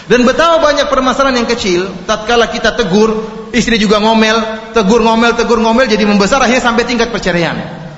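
A man preaching an Islamic lecture in an animated way, joking and acting out the people in his examples. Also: extremely high pitch, a little fast. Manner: animated, jokes and laughs, acts out quotes. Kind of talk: religious lecture. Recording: echoey hall, dull lo-fi, faint noise.

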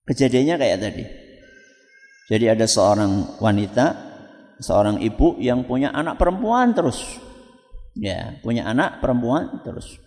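A man's voice: medium pitch, in a large hall. A man preaching a sermon, telling stories and asking the audience questions. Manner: storytelling, animated, asks the audience questions. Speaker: Islamic preacher. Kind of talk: sermon with call-and-response.

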